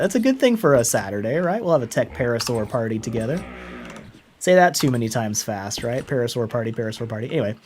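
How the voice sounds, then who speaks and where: A man live-streaming a game, chatting casually and upbeat, rambling with fillers and soft laughs. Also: mid-range voice, a little hiss or hum. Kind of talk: casual live-stream chat while playing.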